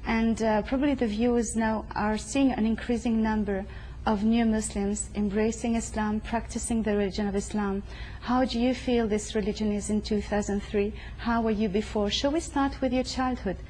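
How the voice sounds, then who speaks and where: Brief: young woman TV host, polite measured questions, mellow tone, living-room interview. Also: fairly high pitch, steady tone, a little hiss or hum, poor audio. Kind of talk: scripted TV interview.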